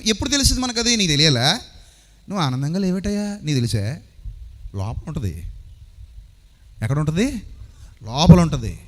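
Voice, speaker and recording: A man preaching a sermon, asking the congregation rhetorical questions and acting out other people's voices. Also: long reverb tail. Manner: acts out voices of others in sudden pitch swings. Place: church or seminar hall.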